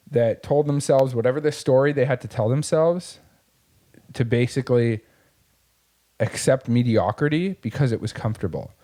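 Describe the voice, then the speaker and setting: Man, podcast co-host, casual chat, blunt, profane, mid-pitched, motivational. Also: dark tone.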